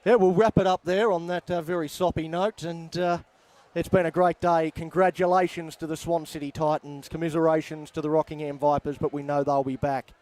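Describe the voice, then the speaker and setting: Australian man, higher-pitched sports caller. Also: steady tone, a little fast, hardly any pauses, darkish tone. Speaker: play-by-play commentator. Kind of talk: sports commentary wrap-up. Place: outdoor sports ground.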